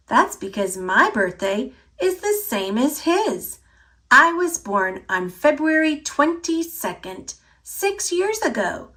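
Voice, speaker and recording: A woman with a voice on the high side reads a picture book aloud for children, narrating expressively with deliberate, clearly phrased delivery.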